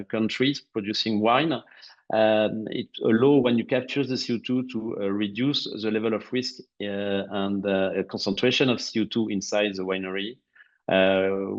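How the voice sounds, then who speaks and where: A man with a French accent presenting on a webinar, speaking carefully and slowly in English with many pauses and filler sounds. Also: on the low side. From France. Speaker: webinar speaker, company co-founder. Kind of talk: presentation on a video call. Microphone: video call. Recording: dull lo-fi call audio.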